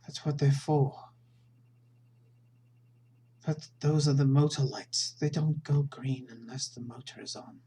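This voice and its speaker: A man's voice: medium pitch, fairly even intonation, a little slow, long pauses, warm tone, breathy edge. A man voicing a big, brusque machine operator who talks bluntly. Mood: insistent.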